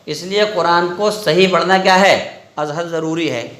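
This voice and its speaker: A man teaching Quran recitation, asking question after question and drawing out each letter sound. His voice sits high for a man. The room gives it a clear echo. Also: a bit bright. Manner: drills students with repeated questions, draws out letter sounds. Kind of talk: call-and-response tajweed lesson.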